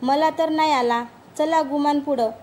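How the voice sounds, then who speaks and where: Woman doing a mysterious village lady, rustic talk, high voice, sure of herself. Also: fairly even intonation, unhurried, darkish tone. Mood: coaxing. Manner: rustic village dialect, coaxing and self-assured. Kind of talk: storybook reading.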